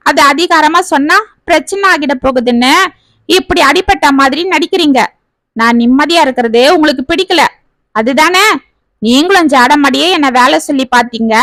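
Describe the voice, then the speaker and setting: A woman's voice: high-pitched, pushed and bright, no room sound. Woman voicing a scornful young daughter-in-law. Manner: snappy, scornful, talks back. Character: sharp-tongued lazy young daughter-in-law.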